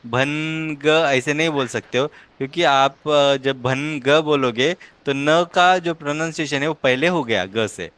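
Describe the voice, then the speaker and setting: A man teaching a one-on-one reading lesson, patiently explaining letter by letter and repeating each word slowly. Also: a little high, fairly bright tone, clear, resonant tone. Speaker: language teacher.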